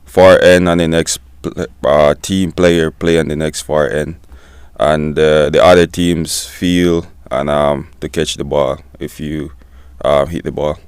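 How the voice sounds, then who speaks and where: A Jamaican man in his twenties, a student-athlete guest giving short, soft-spoken answers in a casual interview. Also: rumbling low, little pitch movement, measured pace, smooth, no room sound, studio quality. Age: 20s.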